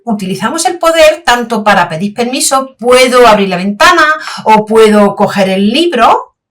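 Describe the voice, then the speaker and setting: A woman teaching a language lesson, patiently repeating example sentences and asking the listener questions as she explains. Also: a little high. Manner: asks rhetorical questions to the learner. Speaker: German teacher. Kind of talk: slow, clear language lesson.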